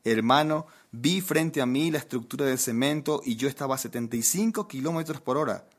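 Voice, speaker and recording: A man preaches with a funny, lively anecdote, asking the audience questions as he goes. His mid-range voice moves a little fast.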